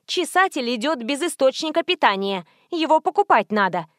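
A woman's voice: high voice, very animated, moderate pace, no echo, clean studio sound. A woman reading an audiobook voices a rude young shop cashier who answers curtly and sharply. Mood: snappy. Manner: snappy, sharp and loud.

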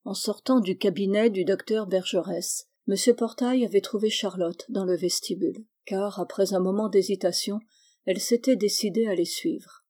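A woman reading a novel aloud, in steady, measured narration. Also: mid-range voice. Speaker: audiobook reader. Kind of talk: scripted narration.

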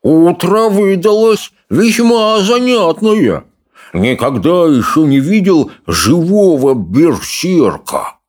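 A smug fat consul's high drawl. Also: male voice, big pitch swings, darkish tone, heavily acted. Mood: pompous. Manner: slow, smug, chomping drawl. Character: fat greedy pompous male Roman consul.

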